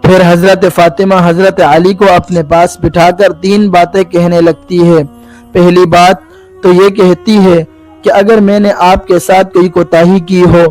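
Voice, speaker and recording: High, flat-voiced male storyteller. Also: low-quality recording. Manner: solemn, addresses viewers directly. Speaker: religious storyteller. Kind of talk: devotional storytelling narration.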